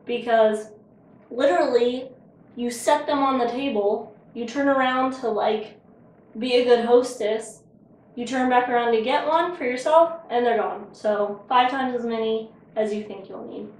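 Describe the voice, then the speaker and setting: A woman with a fairly high, slightly mellow voice speaks at a measured pace while hosting a casual home cooking show. She chats, jokes, and talks with her mouth full as she tastes her food. The echoey kitchen recording has the mic placed far off.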